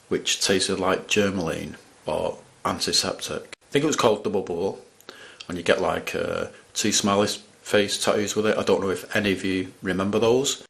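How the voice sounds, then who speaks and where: A man's voice: sits low, vocal fry, fairly bright tone. A man chatting casually as he reviews candy on camera, rambling and restarting his sentences. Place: at home in front of a camera.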